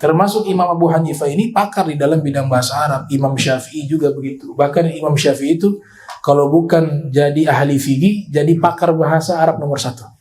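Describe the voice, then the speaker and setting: A man giving an Islamic religious lecture, explaining at length and reciting Arabic verses slowly. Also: on the high side, a little mellow, poor audio. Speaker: Islamic preacher.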